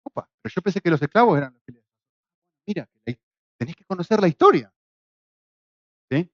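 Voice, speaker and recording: A middle-aged Argentine man teaching a Bible course, lecturing lively and acting out quoted voices. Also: high-pitched, fairly quick, no room sound, dull audio. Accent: Argentine Spanish. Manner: lively, acts out quoted voices with shouts and jokes. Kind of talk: classroom lecture. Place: classroom in Spain.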